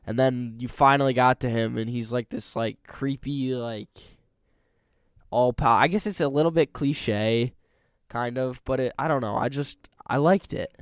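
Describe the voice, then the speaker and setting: A man with a smooth, resonant voice chatting casually as a podcast co-host. He rambles and leans on fillers. The sound is dry and close, with no room echo. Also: mid-range voice, measured pace. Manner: rambling, filler-heavy, animated. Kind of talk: casual movie review chat.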